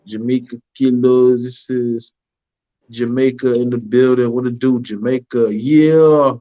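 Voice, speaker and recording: A relaxed man hosts a casual livestream in a mid-range voice, reading viewer comments aloud and checking in with his listeners. The stream audio sounds a little dull and lo-fi. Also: medium pitch, measured pace. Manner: laid-back, keeps asking "you know what I'm saying". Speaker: livestream host.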